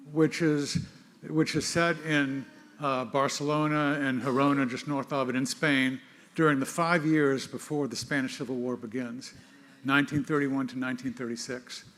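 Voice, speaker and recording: An older man hosting an interview, speaking in a halting way with many pauses. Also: mid-range voice, steady tone, a bit bright. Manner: halting, many fillers and restarts. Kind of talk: interview host conversation.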